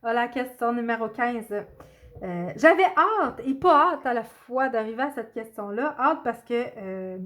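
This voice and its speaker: Answering a video tag, a coloring channel host chats casually with her viewers, her animated, slightly bright voice pitched a little higher than most women's. She speaks haltingly, pausing often with fillers to gather her thoughts, and she's quick to apologize and make fun of herself.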